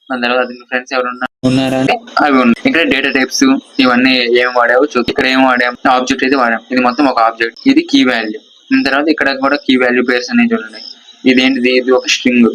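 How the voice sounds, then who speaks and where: A man's voice: mid-range voice, a bit bright, poor audio. A man with a Telugu accent teaching a screen-share coding lesson. He explains by pointing at parts of the screen, repeats himself and keeps checking that his students follow. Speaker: course instructor.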